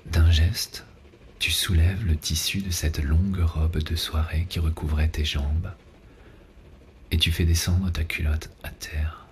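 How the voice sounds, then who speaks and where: A man playing a seductive, ardent lover in an ASMR role-play, murmuring slowly and breathily, right in the listener's ear. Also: extremely low pitch, little pitch movement, darkish tone, slight background noise. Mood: sensual, slow. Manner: slow, intimate, breathy murmur close to the ear. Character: seductive male lover on a night train, intimate and ardent. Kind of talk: ASMR role-play, erotic audio narration.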